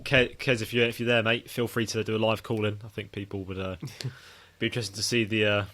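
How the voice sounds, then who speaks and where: Easygoing podcast host, swearing. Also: male voice, fairly low pitch, little pitch movement, a little fast, noisy background. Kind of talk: casual chat.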